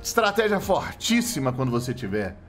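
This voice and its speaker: A man's voice: mid-range voice, moderate pace, faint music behind. A man with a Brazilian Portuguese accent giving joking, mock sportscaster commentary over video game footage. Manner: joking, playful, animated play-by-play. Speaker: gameplay commentator.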